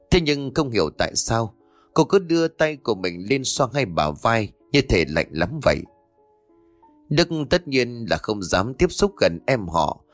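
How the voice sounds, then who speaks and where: A man narrating a ghost story in an expressive storytelling way over faint music. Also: mid-range voice.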